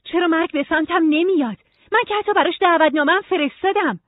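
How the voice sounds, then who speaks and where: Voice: very high-pitched, no room sound, voice pushed up. A reader voicing an anxious young woman. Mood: desperate. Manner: anxious, pleading questions. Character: young woman, unhappy and confused. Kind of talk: audiobook reading. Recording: tinny phone-like sound.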